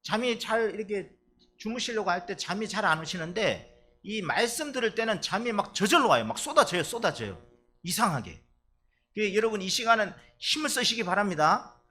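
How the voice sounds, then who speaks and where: A man's voice: high voice, animated, normal speed, sharp tone, a little hiss or hum. A male pastor from Chungcheong preaching a sermon in a church, chatty and playful with the congregation. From Chungcheong, Korea. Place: church sanctuary.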